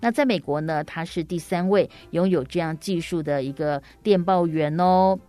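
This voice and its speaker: A woman's voice: lowish voice, moderate pace, dark tone, faint music behind. A woman telling an explanatory story to young children in a teacherly way, addressing her little listeners directly and often ending phrases on particles.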